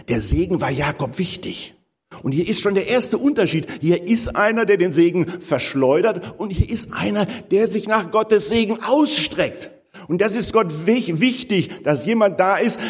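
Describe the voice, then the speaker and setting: A man preaching a sermon in a church, emphatic and rising on key phrases, warmly addressing his listeners. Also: fairly high pitch, slightly rough. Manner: addresses listeners as "ihr Lieben". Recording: long reverb of a large hall.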